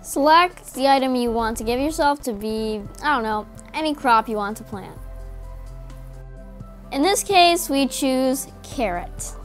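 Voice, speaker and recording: This coding tutorial is voiced by a woman with a high voice and lively intonation who keeps a measured pace. She gives plain step-by-step instructions over a screen recording while faint music plays.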